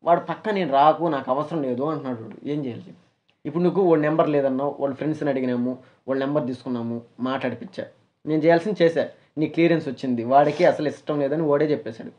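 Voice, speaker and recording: A man's voice: a little high, very fast, darkish tone, highs cut off. A man hosting, talking firmly like an older brother, scolding and consoling. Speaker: host. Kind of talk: casual chat.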